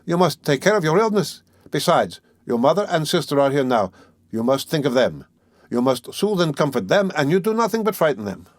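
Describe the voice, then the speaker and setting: A man's voice: on the high side, big pitch swings, fairly quick, dry recording, clean studio sound. A man voicing a sly, genial middle-aged examining lawyer who talks in a fussy, teasing way, in an audiobook reading. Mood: sly, chatty.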